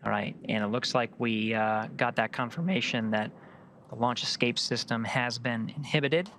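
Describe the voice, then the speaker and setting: Male broadcast commentator, mid-pitched, measured and halting, faint noise behind the voice. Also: steady tone, a bit bright. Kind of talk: live explanatory commentary.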